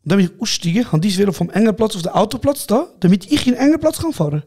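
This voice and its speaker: A quick-talking young Swiss German man with a somewhat high voice tells a heated story in a casual podcast. He plays out both sides of a quarrel with lots of energy. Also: big pitch swings, a little mellow, breathy edge. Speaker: podcast co-host. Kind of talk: casual chat.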